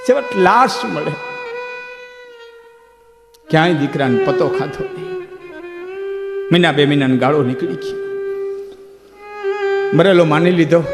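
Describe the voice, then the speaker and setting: A male folk storyteller, dramatically narrating a village tale and rising to near-shouts at the peaks. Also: high-pitched, in a large hall.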